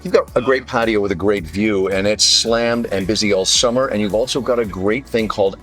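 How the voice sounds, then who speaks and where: A man hosting a TV segment in a restaurant, jokey and energetic as he wraps up the show. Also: on the low side, brisk, faint music behind. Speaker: host. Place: restaurant, Vancouver.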